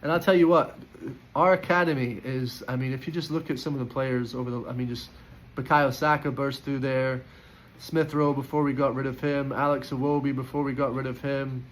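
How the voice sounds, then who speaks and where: A man's voice: mid-range voice, fairly even intonation, fairly quick, few pauses, slight background noise, rough recording. A man giving casual, opinionated football player ratings in a chatty way, with frequent fillers and restarts. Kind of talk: casual post-match reaction.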